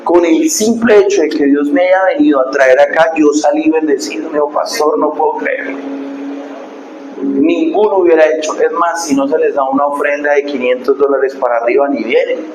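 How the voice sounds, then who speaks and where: A man pastor, preaching a sermon and telling stories, dropping to hushed asides and rising to loud preaching. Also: fairly high pitch, fairly even intonation, fairly quick. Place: church hall. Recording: echoey hall with background noise.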